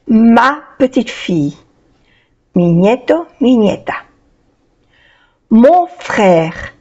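Older lady teaching french super slowly, kinda high voice, dull lo-fi sound. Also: darkish tone. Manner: patient, repeats each word pair slowly. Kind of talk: slow beginner language lesson.

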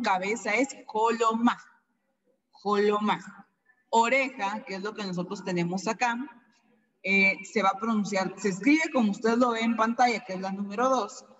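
A teacher with a Guatemalan accent gives a recorded lesson, patiently repeating each word slowly so the class can copy the pronunciation. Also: medium pitch, big-room sound, lo-fi sound. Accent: Guatemalan Spanish.

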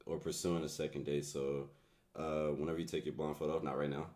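A man's voice: very deep voice, flat delivery, a little fast, darkish tone. A young man hosting a livestream, laid-back and slangy, talking to his guest and the chat. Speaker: livestream host.

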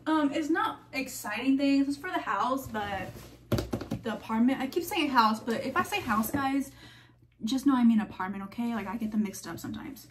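A woman's voice: fairly high pitch, animated, moderate pace, noisy background. Chatty young woman vlogging casually. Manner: chatty, peppered with "like" and "girl". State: tired and sleepy. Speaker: lifestyle vlogger. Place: her apartment, indoors.

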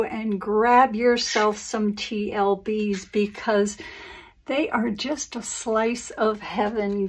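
A middle-aged woman with a fairly high voice hosts a casual acrylic pour painting video from her studio table, gushing enthusiastically to viewers about her colors and calling them "guys." The recording is distant, with a little hiss or hum.

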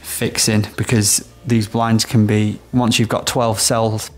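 A practical, step-by-step on-site product demonstration comes from an electrician in his thirties inside a small room of a house. He talks slowly in a voice on the low side with a flat delivery, and faint music plays in the background.

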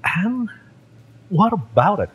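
A man uses an exaggerated, high-pitched, husky voice with big pitch swings, speaking slowly as a fiery, bitter young mercenary in a romance audio roleplay directed at the listener. Sardonic, taunting, and impatient, he sighs and swears, and the audio sounds dull.

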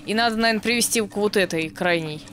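A woman's voice: medium pitch, quick pace, fairly bright tone, slight background noise. A woman playing a game with a friend, offering short, supportive suggestions in a casual tone. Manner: brief supportive comments and suggestions. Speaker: let's play co-player. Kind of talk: casual co-op gameplay chat.

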